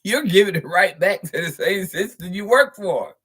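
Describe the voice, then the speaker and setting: His voice sitting high, fairly bright, and breathy, a man hosts his channel at a normal, animated pace. He emphatically preaches a profane spiritual monologue, stressing and drawing out words with chuckles between points.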